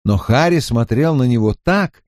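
A man narrating a fantasy novel as an audiobook in an expressive storytelling manner. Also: medium pitch, normal speed, no room sound, studio quality.

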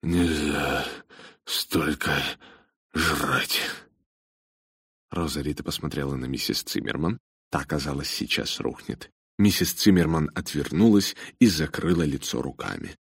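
A man narrating an audiobook in an expressive storytelling manner. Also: a bass voice, normal speed, creaky, husky, no room sound, clean studio sound.

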